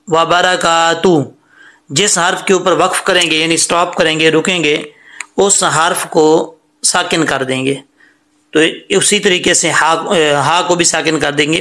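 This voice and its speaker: A man teaching correct prayer recitation, drawing words out slowly and then explaining mistakes in plain talk. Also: on the high side, bright, forceful tone. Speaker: tajweed teacher. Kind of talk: slow recitation lesson with corrections.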